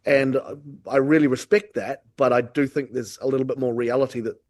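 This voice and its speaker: A man's voice: mid-range voice, fairly even intonation, a little fast, a little mellow. A man with a New Zealand accent, talking candidly and reflectively as a guest in a casual podcast discussion.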